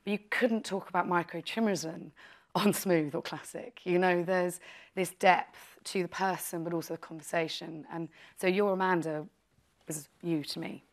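A woman's voice: on the low side, steady tone, normal speed. A woman in her forties, a podcast host on a panel at an industry event, speaking in a heartfelt, flowing way.

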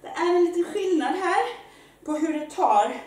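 Breathless high-voiced woman fitness coach. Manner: energetic, loud exclamations while exercising. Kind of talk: live workout instruction. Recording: very echoey room, mic far off, faint noise.

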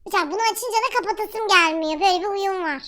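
Woman streaming through a squeaky voice changer filter, super high and bright, slow chatty giggly talk. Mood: playful. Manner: playful, giggly, exclaiming. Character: squeaky chipmunk-voiced version of herself. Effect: pitch-raising voice changer filter. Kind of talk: casual live-stream chat.

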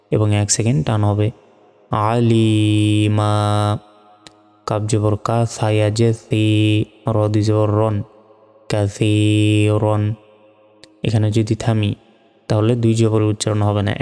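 A man teaching Quran reading, spelling out letters and vowel marks one by one and then reading each word slowly. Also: lowish voice, mellow, in a large hall. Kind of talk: step-by-step spelling lesson.

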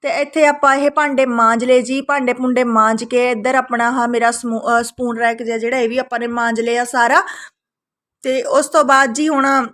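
High-voiced chatty Punjabi woman vlogger. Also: fairly even intonation, normal speed, fairly bright tone. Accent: Indian Punjabi. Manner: chatty, frequent tag questions. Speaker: family vlogger. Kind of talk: casual vlog narration to viewers.

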